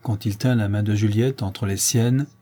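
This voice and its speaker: A man reading a 19th-century novella aloud as an audiobook narrator, with measured, expressive storytelling. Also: on the low side.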